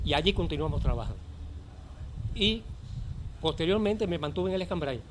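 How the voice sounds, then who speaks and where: An older man with a Cuban accent, a former volunteer teacher giving earnest, measured testimony for a documentary. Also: fairly high pitch, slight background noise.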